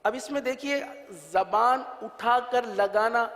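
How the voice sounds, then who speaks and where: Leading call-and-repeat drills, a man teaches Quran pronunciation patiently, explaining step by step and drilling letter sounds. His voice is extremely high, with background noise and long hall reverb.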